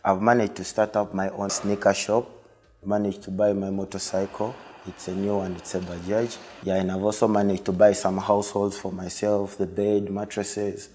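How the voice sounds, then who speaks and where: A man's voice: on the low side, level tone, moderate pace, mellow. A young man, a factory worker, speaking plainly and proudly in a documentary interview. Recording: echoey hall with faint noise.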